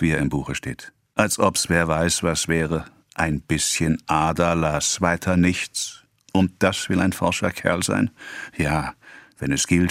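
A man voicing a pompous village apothecary in a storybook reading, grumbling and lecturing slowly. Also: very deep voice, no echo, studio quality. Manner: grumbling, lecturing, slow and deliberate.

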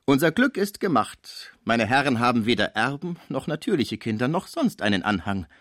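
A man's voice: big pitch swings, normal speed, a bit bright, dry recording, clean studio sound. A man reading a novel aloud, voicing a scheming, melodramatic middle-aged female concierge. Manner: shrill, wheedling and melodramatic. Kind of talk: audiobook character voice.

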